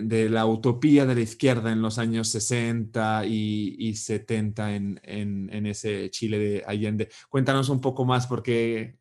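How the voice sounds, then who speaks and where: Male host, hesitant delivery with fillers, average pitch. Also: darkish tone. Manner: hesitant, many repeated words and fillers. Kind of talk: interview.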